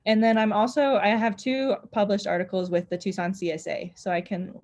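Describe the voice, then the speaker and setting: A woman's voice: medium pitch, fairly even intonation, brisk. A woman in her twenties from Wyoming, a podcast guest talking reflectively in casual conversation. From Wyoming, USA. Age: 20s. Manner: reflective, soft-spoken, frequent "like" and "um".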